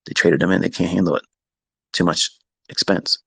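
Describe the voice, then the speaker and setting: A man's voice: deep voice, fairly even intonation, vocal fry, breathy edge, dry recording. Blunt, scolding man lecturing traders. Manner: blunt, scolding, slows down for emphasis. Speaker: trading mentor hosting a live audio room. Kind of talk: lecturing monologue. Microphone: remote audio call.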